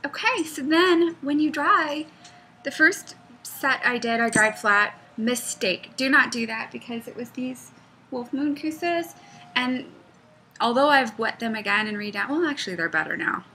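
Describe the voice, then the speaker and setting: Woman, crafter, rambling chatty tutorial, bright slightly high voice. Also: a little slow, a little hiss or hum, low-quality recording. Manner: rambling, chatty, goes off on tangents; animated, laughs often. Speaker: knitting pattern designer.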